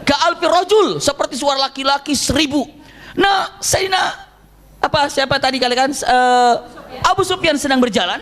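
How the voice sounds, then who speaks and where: A man preaching by lively storytelling to mothers, animated and jokey, into a microphone. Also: extremely high pitch, moderate pace, some chatter behind. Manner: animated, jokey, acts out scenes. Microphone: handheld microphone.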